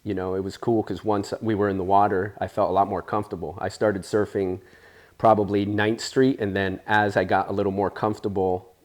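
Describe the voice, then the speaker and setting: A man in his forties with a fairly low voice, raised in Spain, chats through his stories at an easy pace. He rambles a little and fills gaps with "uh" and "you know.". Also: flat delivery, brisk, a little mellow. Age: 40s. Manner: easygoing, rambling, with many fillers. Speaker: interview guest, surfer. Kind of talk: casual storytelling interview.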